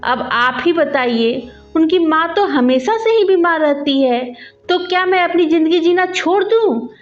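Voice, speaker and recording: A spoiled young daughter from a storybook, tearful and complaining, high-pitched, as a woman narrator plays her. The recording is slightly dull, with faint music behind. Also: expressive, unhurried, roomy sound.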